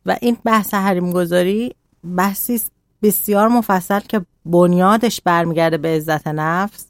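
A woman talking calmly as a radio guest, explaining parenting and boundaries in a measured way. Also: lowish voice, no echo, studio quality.

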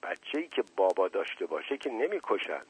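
A man's voice: mid-range voice, sing-song, slightly rough, no room sound. A man voicing a middle-aged nobleman who talks in a soothing, coaxing way. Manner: soothing, coaxing, sharp when crossed. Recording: tinny phone-like, dry.

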